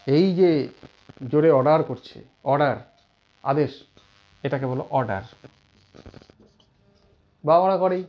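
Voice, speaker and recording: English teacher guy, fairly high voice, dull lo-fi sound, repeats stuff slowly. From India. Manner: explains slowly, repeats terms, quotes example sentences. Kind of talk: classroom grammar lesson.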